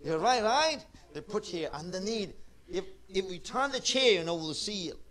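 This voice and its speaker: A man's voice: sits high, expressive, moderate pace, fairly bright tone. A middle-aged man teaching children a Bible lesson as their pastor. He keeps asking questions and repeats them, coaxing the class to answer, in non-native English with a heavy accent.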